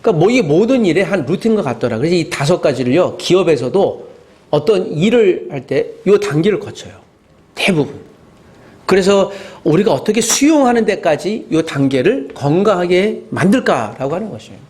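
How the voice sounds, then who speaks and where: Animated Korean pastor preaching. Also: male voice, high voice, moderate pace. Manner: animated, acts out inner voices with rhetorical questions. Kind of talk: sermon.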